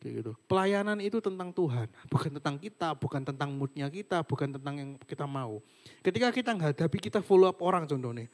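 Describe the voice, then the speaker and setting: A man's voice: fairly high pitch, animated, fast talker. A young man giving a casual devotional sermon over a video call, chatty and informal, often trailing off with fillers. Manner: chatty, fillers and english words. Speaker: youth devotional speaker.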